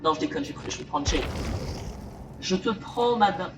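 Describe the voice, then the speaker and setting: A man's voice: high-pitched, animated, moderate pace, noisy background. A man giving casual, joking commentary while he plays a game, chatting to the characters on screen. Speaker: gamer. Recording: echoey, distant mic, game music. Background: game music.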